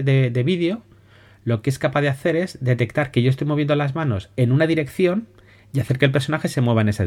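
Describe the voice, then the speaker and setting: Relaxed man with a Spain Spanish accent. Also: mid-range voice. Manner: relaxed, conversational, many restarts and "¿vale?" checks. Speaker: podcast host explaining educational software. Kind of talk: casual spoken explainer.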